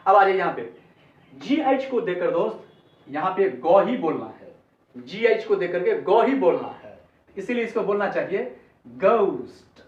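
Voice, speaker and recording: Hindi-speaking man teaching pronunciation, high voice. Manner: explains patiently, repeats words and checks understanding. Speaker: English teacher. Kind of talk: spoken pronunciation lesson. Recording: roomy, distant and muffled.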